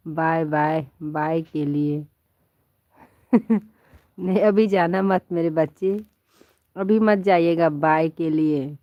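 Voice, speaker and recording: Woman host, casual live chat, slow and playful, lo-fi phone audio. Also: low voice, dry recording. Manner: chatty and playful, laughs often, calls viewers "my child". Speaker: live-stream host chatting with viewers. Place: at home in bed under a quilt.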